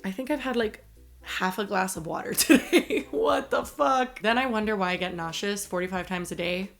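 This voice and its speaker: A woman in her twenties telling stories to camera in a casual, animated, rambling way, swearing freely. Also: mid-range voice, brisk. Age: 20s. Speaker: YouTube vlogger. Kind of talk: casual chatty storytelling Q&A to camera. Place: small furnished room indoors.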